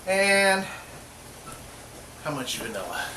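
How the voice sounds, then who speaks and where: This middle-aged cooking-show host has a fairly high, pushed and bright voice, very animated yet slow-paced. Chatty and full of jokes, he talks to himself while cooking at home. A faraway mic captures roomy kitchen acoustics and clear background noise.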